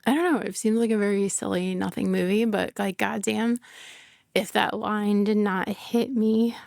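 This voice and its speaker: A woman's voice: mid-range voice, steady tone, normal speed, creaky, darkish tone, dry recording, studio quality. A middle-aged woman hosting a podcast in casual solo talk, candid and emotional, laughing often and swearing, full of "like" fillers. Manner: emotional, confessional. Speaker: podcast host.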